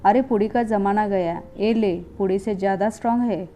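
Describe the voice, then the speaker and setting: A woman's voice: mid-range voice, normal speed, warm tone, lightly acted. A woman reading the lines of an offhand male street drug seller in a story, in her own voice.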